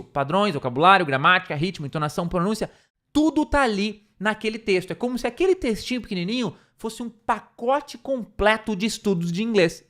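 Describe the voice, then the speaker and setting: A man's voice: sits high, fairly bright tone. A man teaching an online English lesson, stressing and repeating key points and checking in with "tá?".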